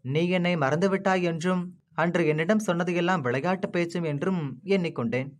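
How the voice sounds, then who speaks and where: A man's voice: high voice, brisk, slight background noise, natural voice. A man playing an earnest young volunteer.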